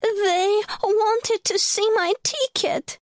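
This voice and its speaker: A woman voicing a frightened schoolgirl who sobs and pleads slowly down a phone line. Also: extremely high pitch, fairly even intonation, no echo, studio quality, pitched above the performer's own voice, heavily acted. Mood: tearful pleading. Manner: tearful, pleading, slow.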